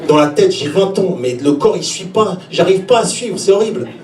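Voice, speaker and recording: On the open stage of a small indoor comedy venue, a Swiss man in his forties does stand-up, animated and exclaiming, acting out little scenes and reactions and talking straight to the audience. His voice is high at a moderate pace, with an echoey live room, distant mic and slight background noise.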